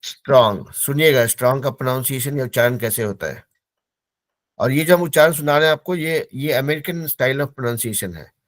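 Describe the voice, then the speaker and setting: This is online class instruction from a patient man drilling English pronunciation. He repeats the words slowly, one after another. His pitch is medium, and the recording is dry.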